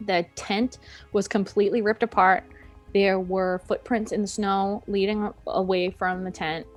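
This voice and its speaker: A woman's voice: mid-range voice, steady tone, moderate pace. A young woman co-hosting a podcast, telling a story in a playful, chatty way with jokey asides. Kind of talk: casual storytelling chat. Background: soft background music.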